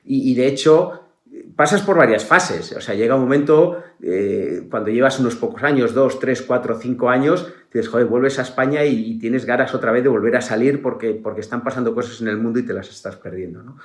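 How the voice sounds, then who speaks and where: A middle-aged man from Spain with a Spanish accent, a podcast guest in casual conversation who talks haltingly with many restarts and filler tags. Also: medium pitch. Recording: roomy echo.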